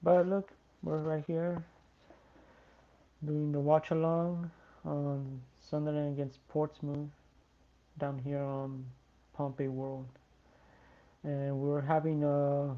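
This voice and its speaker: A drowsy fan commentator calls the match for a live watch-along, speaking slowly in a flat, even tone. The audio is a little dull and lo-fi. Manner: tired, yawning, slow and low-key. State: sleepy.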